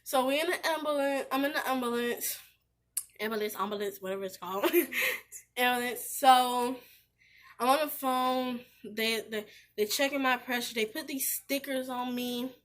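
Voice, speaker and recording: A woman vlogger with a high, bright voice tells a story to her viewers. She talks in an animated, breathless rush, restarting sentences and addressing her audience directly. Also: normal speed. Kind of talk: casual storytelling to camera.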